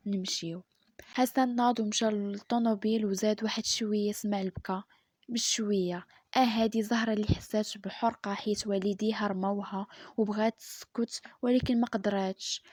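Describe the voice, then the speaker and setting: A woman with a Moroccan accent narrating a story in a hushed, half-whispered voice. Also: mid-range voice, no echo, clean studio sound.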